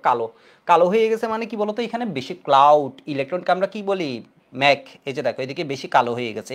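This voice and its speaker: A man with a Bangladeshi Bengali accent teaching chemistry in an online class, quizzing students with repeated questions. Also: fairly high pitch.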